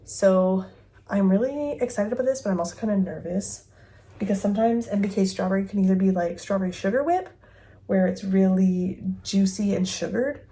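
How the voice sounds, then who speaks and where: Sitting in a home bedroom with a dresser, a woman in her thirties reviews fragrances in a relaxed chat, musing aloud and giggling into her phone mic. Her voice is mid-range with a dark tone.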